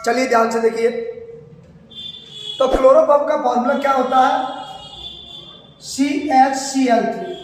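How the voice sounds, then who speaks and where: A man with a very high voice lectures on chemistry, pulling students along with repeated questions and drawn-out words. His voice rings around a large, echoing room with a long tail of reverb. A faint hiss sits underneath. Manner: asks students questions and answers them himself. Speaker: chemistry teacher. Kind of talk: classroom lecture.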